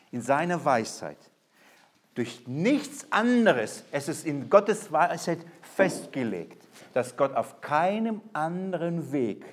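A man preaching a sermon, emphatic, with loud and quiet swings and repetitive rhetorical buildup. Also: medium pitch.

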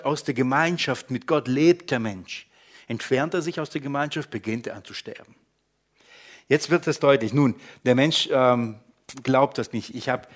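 A man preaching in German, teaching from the Bible, shifting between low, quiet explanation and loud, emphatic passages.

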